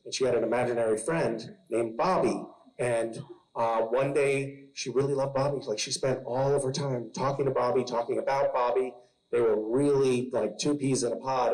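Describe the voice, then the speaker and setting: A man's voice: mid-range voice, steady tone, normal speed, darkish tone, poor audio. A man on a convention panel telling funny stories about his kids, laughing as he goes and acting out the voices. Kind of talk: funny anecdote telling on stage.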